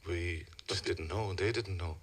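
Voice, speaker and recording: A middle-aged man with a west of Ireland accent, giving a personal account in a radio interview in measured, halting phrases. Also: deep voice, breathy edge. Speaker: interview guest, a father telling a family story.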